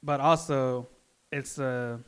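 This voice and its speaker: Casting: average-pitched man, talky and explanatory. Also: steady tone, slow, a bit bright, clear, resonant tone. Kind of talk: casual chat.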